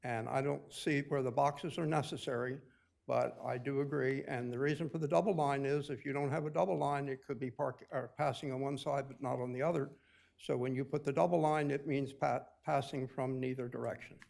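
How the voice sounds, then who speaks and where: Gravelly man giving public comment. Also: medium pitch, fairly even intonation, darkish tone. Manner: deliberate, explanatory, with occasional restarts. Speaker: public commenter at a city committee meeting.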